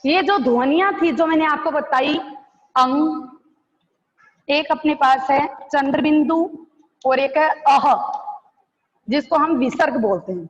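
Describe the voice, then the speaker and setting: Female teacher, slow and deliberate, quizzing the class and answering herself. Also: high-pitched. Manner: slow, question-and-answer teaching, answering her own questions. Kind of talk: online class lecture. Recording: dull lo-fi sound with long reverb.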